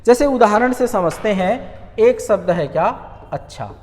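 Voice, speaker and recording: A male Hindi grammar teacher giving an online lesson. He asks rhetorical questions, answers them himself, and repeats key words slowly. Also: high-pitched, darkish tone, in a large hall.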